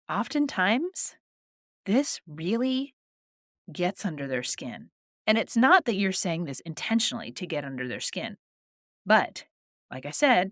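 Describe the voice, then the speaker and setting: A woman hosting a faith-based advice podcast, talking in a calm, earnest, encouraging way with small laughs, recorded close on a mic. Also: low voice, dry recording. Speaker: podcast host.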